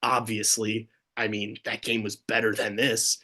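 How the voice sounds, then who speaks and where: A man's voice: lowish voice, little pitch movement, unhurried, pushed and bright. A young man co-hosting a late-night sports podcast, ranting in an exasperated, sweary, casual way. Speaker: podcast co-host.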